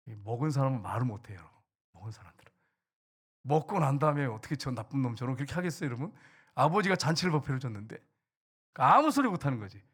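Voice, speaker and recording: A man preaching a sermon as pastor. He keeps asking the congregation questions and moves between emphatic passages and hushed, near-whispered ones. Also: a little high. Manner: addresses the congregation with rhetorical questions.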